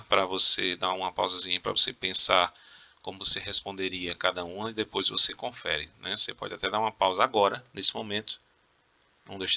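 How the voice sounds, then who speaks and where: A male Spanish teacher with a Brazilian Portuguese accent giving a recorded review lesson, explaining slowly and checking in with his students, coughing now and then. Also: sits low, creaky, sharp tone. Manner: explains slowly, checks in with "tá?" and "beleza?", playful teasing.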